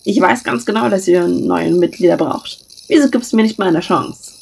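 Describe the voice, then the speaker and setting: A woman's voice: fairly low pitch, moderate pace, creaky, a little mellow, slightly rough, exaggerated voice. A woman reading aloud and voicing a talkative, pouty blond teenage boy who whines and pleads insistently. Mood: pleading.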